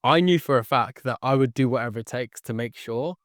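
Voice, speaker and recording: As a podcast guest, this young sales entrepreneur, whose first language was Tagalog, recounts his story earnestly, repeating phrases and checking in with "okay." Born near London and raised in the Philippines, he speaks fairly quickly in a smooth, clear, mid-pitched voice. The recording is dry and close, with no room sound.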